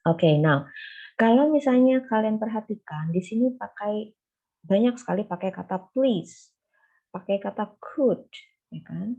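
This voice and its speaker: A woman's voice: medium pitch, animated, measured pace, gravelly, pauses often, phone-quality sound. A woman teaching English phone phrases in a bilingual lecture, explaining patiently and switching between two languages with frequent fillers.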